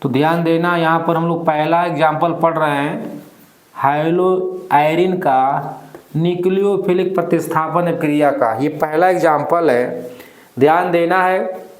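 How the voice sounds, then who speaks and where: A male teacher, his voice pitched a little high, gives an online chemistry lesson. He drags out each term at a very slow, deliberate pace, repeating words as he writes. The room around him is echoey. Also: fairly even intonation. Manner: slow, drawn-out dictation while writing, repeating terms. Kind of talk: online class lecture.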